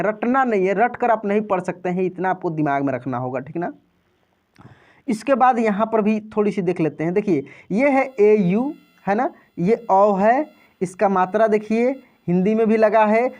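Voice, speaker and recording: A patient man teaches a video lesson to grown learners. He repeats each point, stretches and stresses vowel sounds so they can copy him, and keeps asking whether they understand. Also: high voice. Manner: patient and repetitive, drawing out vowel sounds loudly for practice; addresses viewers as friends and often checks understanding.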